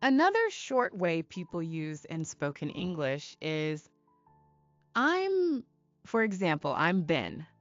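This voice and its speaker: A woman with a lower voice leads a beginner English lesson at an unhurried pace, spelling out each phrase clearly. The voice-over is dry and a little dull in tone, with soft music underneath. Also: huge pitch swings, no room sound. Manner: clear, deliberate, repeat-after-me delivery. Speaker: English teacher. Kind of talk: slow scripted lesson narration.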